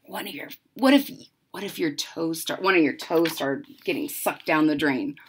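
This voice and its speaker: With a low voice and a moderate pace, a woman in her thirties or forties reads a children's picture book at home, giving lines dramatic emphasis and adding chatty asides. There's slight background noise.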